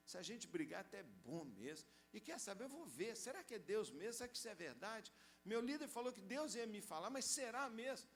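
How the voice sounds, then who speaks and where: A man's voice: high-pitched, very animated, fairly quick, faint music behind, voice pushed up. A man voicing a stubborn grown son who argues with God in a sermon story. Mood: exasperated protest.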